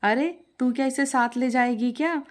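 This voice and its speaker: A woman's voice: high-pitched, moderate pace, voice pushed up, close to an everyday voice. Woman doing a caring mother. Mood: gentle.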